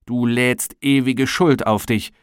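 A man's voice: mid-range voice, measured pace, dry recording, studio quality, natural voice. A man reading an audiobook voices a shy, stammering Russian man who sounds embarrassed. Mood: angry.

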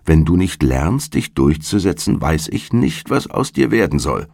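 A soft-hearted mother who gently scolds her spoiled son, put on by a man reading. The voice is deep and gravelly, with lively rises. It sounds dry and close. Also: measured pace, dry recording, full character voice. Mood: doting.

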